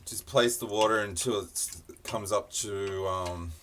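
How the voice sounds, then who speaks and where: Cooking at an indoor stove, a cooking-show host talks casually through every step in a fairly bright voice that sits on the low side, taking his time. Around him the kitchen recording is noisy, full of sizzling from the pan, stirring and clicking sounds.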